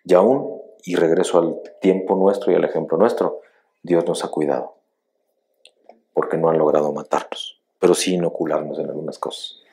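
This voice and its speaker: A middle-aged male pastor preaches a sermon in a very low voice. He tells stories emphatically, rising loud then sinking quiet. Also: steady tone, moderate pace, gravelly.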